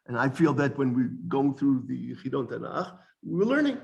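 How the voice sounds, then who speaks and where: A man teaching an informal Bible study lesson, animated, often repeating words and restarting sentences. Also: mid-range voice, normal speed, gravelly, muffled recording.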